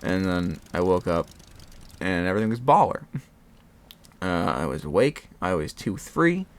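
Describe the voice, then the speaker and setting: A man chatting casually and telling a personal story in a rambling, animated way, often interrupting himself and re-enacting bits of dialogue. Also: deep voice, normal speed. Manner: often laughs while talking. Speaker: storyteller recounting own experience.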